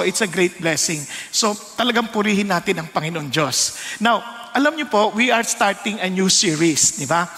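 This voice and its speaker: High, bright Filipino pastor in a hall. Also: male voice. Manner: animated, mixing Tagalog and English, acts out quoted voices. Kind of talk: sermon. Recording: long hall reverb.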